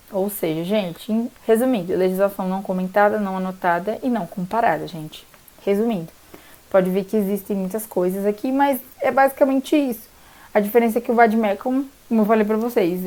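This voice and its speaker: A woman's voice: mid-range voice, a little mellow. A young woman from São Paulo, explaining exam rules in a chatty vlog and often checking in with "tá bom?". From Brazil, São Paulo state. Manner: chatty, peppers sentences with "tá bom?". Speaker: law graduate explaining bar exam rules.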